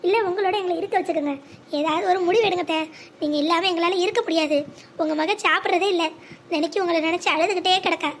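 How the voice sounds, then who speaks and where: Voice actor as sly greedy son-in-law, fawning, cartoon, squeaky sped-up voice, fast. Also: a little hiss or hum. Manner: sly asides, fawning flattery.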